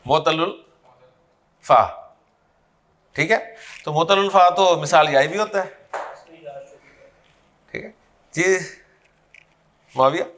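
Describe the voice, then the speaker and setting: High, bright-voiced man teaching slowly. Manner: quizzes students by name, repeats key terms. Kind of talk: classroom grammar lecture.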